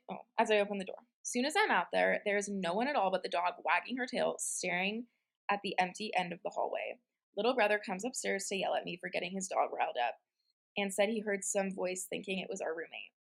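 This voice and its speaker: A woman's voice: medium pitch, lively intonation, brisk, creaky. A woman co-hosting a casual chat and reading scary stories aloud, with a giggly, conversational manner full of "like". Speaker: podcast co-host.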